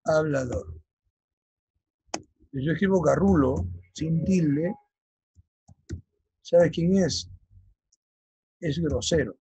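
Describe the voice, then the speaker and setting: Male teacher, very raspy voice, gravelly, vocabulary lesson, checks in with students, dictates slowly. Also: a little high, warm tone, no echo, highs cut off. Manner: checks understanding with frequent "ya?"; slow, emphatic dictation of key terms. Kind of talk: vocabulary lesson for exam prep.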